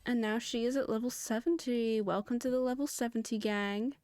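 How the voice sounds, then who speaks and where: A hoarse woman hosting a gaming video, giving chatty, giggly commentary with sudden high excited jumps. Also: brisk, dry recording. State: hoarse, has lost her voice. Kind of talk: casual gameplay commentary.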